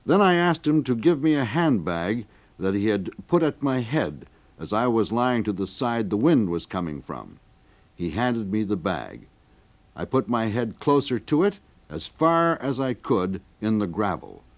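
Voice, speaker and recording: A man's voice: on the low side, very animated, measured pace. A man narrating a dramatic historical account as a documentary narrator, reading with rising intensity at vivid moments.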